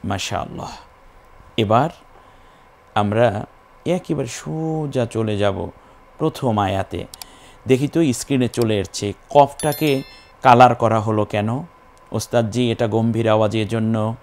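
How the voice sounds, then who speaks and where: Man slowly teaching Quran recitation. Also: lowish voice, a little mellow, slight background noise. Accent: Bangladeshi Bengali. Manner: patient, repeats syllables slowly, stretches vowels in recitation. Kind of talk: recitation lesson, spelling and drawn-out chanting.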